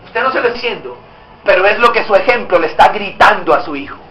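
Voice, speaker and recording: A man's voice: high-pitched, animated, fast talker, sharp tone, muffled recording, slight background noise. A male pastor preaching a sermon, exhorting the congregation with direct questions, recorded in a church hall.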